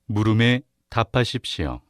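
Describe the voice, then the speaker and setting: A man reading scripted test instructions as an exam narrator, formal and measured. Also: lowish voice, sing-song, dry recording, clean studio sound.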